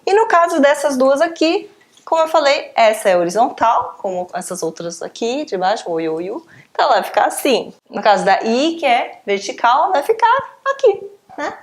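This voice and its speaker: A woman's voice: sits high, sing-song, moderate pace. A woman teaching a beginners' language lesson, explaining step by step and often checking in with her students. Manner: patient, explaining step by step with frequent check-ins. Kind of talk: online lesson.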